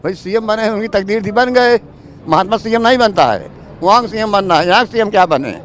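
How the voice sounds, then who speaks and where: A man's voice: sits high, fairly quick. An older man at a roadside speaking bluntly and dismissively, like a preacher, in a street interview. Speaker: villager interviewed by reporter. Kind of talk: street vox pop. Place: roadside outdoors.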